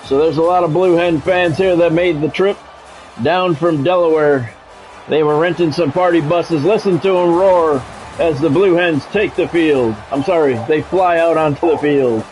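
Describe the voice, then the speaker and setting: Over soft background music and poor audio, a middle-aged game streamer speaks at normal speed in a slightly high, slightly mellow voice. He does sports commentary like a radio play-by-play announcer, chatting with viewers and repeating phrases for emphasis.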